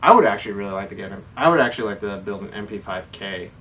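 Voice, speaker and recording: A co-host of a hobby show talks informally about airsoft in a casual question-and-answer chat, explaining things as he goes. His voice is lowish, animated and fairly bright, and he talks at a racing pace. The distant mic picks up faint background noise.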